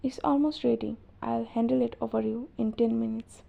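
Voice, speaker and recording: A woman voicing a prompt, professional young male assistant who speaks briskly, on a dull lo-fi recording. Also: a little high, steady tone, creaky. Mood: businesslike. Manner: brisk, businesslike.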